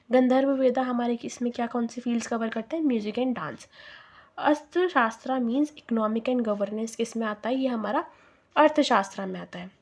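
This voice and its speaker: A woman's voice: on the high side, darkish tone. A young woman with an Indian accent gives a revision lecture. She explains step by step, poses questions and answers them herself, and mixes English terms into Hindi. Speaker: teacher.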